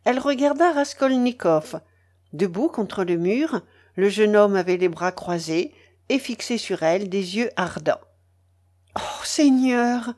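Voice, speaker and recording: A woman narrating a classic novel as an audiobook in an expressive, theatrical way. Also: medium pitch, unhurried. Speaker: audiobook reader.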